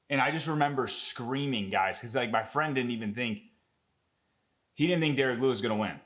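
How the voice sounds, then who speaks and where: A young man whose voice sits at an ordinary middle pitch breaks down a fight replay for his MMA channel. He rambles loosely, stuffs his talk with fillers and curse words, and gets excitable as the action unfolds.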